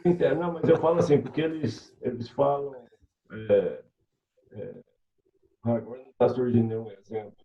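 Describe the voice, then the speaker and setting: A man's voice: mid-range voice, moderate pace, long pauses, dull audio. A man, a student who hesitates and searches for words.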